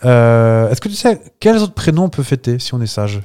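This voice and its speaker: A man's voice: medium pitch, very animated, normal speed, mellow, clean tone. A man co-hosting a podcast in casual, playful chat, often laughing at his own jokes. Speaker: podcast co-host.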